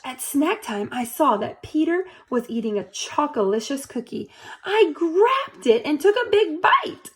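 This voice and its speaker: Speaking directly to young children, a high-pitched woman reads a picture book aloud with animation and expression.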